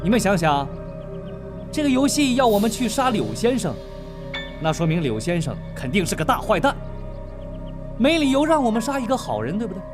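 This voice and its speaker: A cocky, smug young schemer. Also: male voice, high voice, very animated, brisk, long pauses, over music. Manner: boastful, smug. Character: cocky modern young man stuck in ancient-times game. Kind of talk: TV comedy drama acting.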